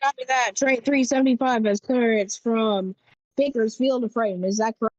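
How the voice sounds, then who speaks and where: Woman on a dull lo-fi radio, mellow higher voice, crisp radio callouts from a train operator. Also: fairly even intonation, normal speed, dry recording. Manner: crisp radio callouts, reads back clearances. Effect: heard over a radio. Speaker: model railroad train operator.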